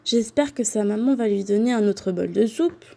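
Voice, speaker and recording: A woman's voice: mid-range voice, normal speed, vocal fry, dark tone, lightly acted. A woman voicing a polite, curious little girl in a storybook, speaking sweetly.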